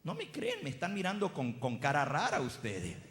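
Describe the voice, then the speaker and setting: Animated male preacher in an echoey hall. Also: on the high side. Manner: emphatic, drawn-out preaching cadence; speaks directly to the congregation. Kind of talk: sermon.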